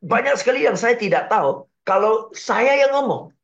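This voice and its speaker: Energetic man giving sales advice on radio. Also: extremely high pitch, normal speed, vocal fry. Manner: energetic, rhetorical checks like "betul ya?". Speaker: sales trainer guest on a business radio show. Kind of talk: radio talk, explaining with lively examples. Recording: dull lo-fi radio broadcast.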